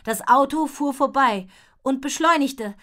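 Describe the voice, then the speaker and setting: A woman reading a children's adventure story aloud in an expressive, steady narrating style. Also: high-pitched, a little slow. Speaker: audiobook narrator.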